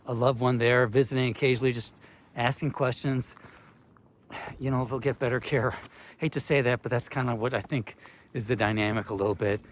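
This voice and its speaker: A middle-aged man, a retired care worker, giving casual, rambling advice with many fillers, a bit out of breath. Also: mid-range voice. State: slightly out of breath. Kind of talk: casual advice talk to camera.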